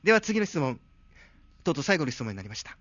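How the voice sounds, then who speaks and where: A male host with a fairly high, animated voice runs a comic talk show. He stays polite while teasing wryly. The sound is close and dry, if a bit muffled. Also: fast, no room sound.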